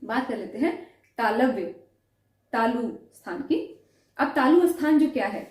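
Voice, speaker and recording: A woman's voice: fairly high pitch, lively intonation, darkish tone. Hindi woman teacher in echoey room. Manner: demonstrates sounds slowly, asks questions. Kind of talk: pronunciation lesson.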